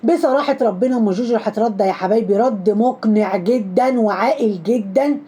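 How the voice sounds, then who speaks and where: A woman with an Egyptian accent rattles off gossip commentary at a rapid clip. Her voice sits a little high but mellow. She is sarcastic and mocking throughout. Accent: Egyptian Arabic.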